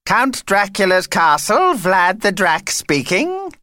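A man acts out an excitable, self-important vampire from a children's story. The voice sits well above a normal male register and leaps about with bossy, theatrical indignation, recorded close and dry. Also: sits high, takes it slowly, dry recording, voice pushed up, exaggerated voice.

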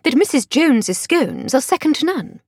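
A woman's voice: sits high, sing-song, moderate pace, no echo, studio quality, pitched above the performer's own voice. A woman voicing an enthusiastic aristocratic lady who speaks in a gushing, upper-class manner, in a storybook reading. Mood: cheerful.

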